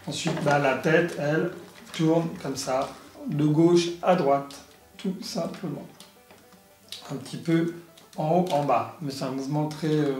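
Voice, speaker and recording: A man presents a product in a casual, halting, explanatory way, as in a hands-on toy review. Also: a little high, darkish tone. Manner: halting, explanatory, punctuated with little sound effects. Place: indoor room. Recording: echoey room, faint music behind.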